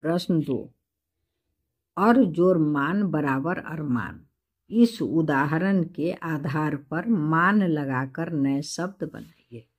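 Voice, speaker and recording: A woman teacher reading out textbook questions and dictating the answers slowly and carefully. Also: low voice, breathy edge. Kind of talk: explaining textbook answers to a class.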